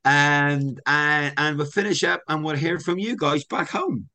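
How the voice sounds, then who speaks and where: A man's voice: a little high, measured pace. A young man from England, co-hosting a podcast and telling stories in a chatty, upbeat way. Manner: chatty storyteller, lively and upbeat. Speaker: podcast co-host. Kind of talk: casual chat.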